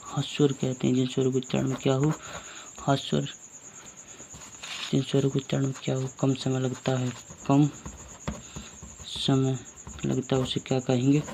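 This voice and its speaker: A man's voice: medium pitch, gravelly, mellow, a little hiss or hum. A male teacher giving a casual grammar lesson, asking his own questions and answering them, and sometimes correcting his slips.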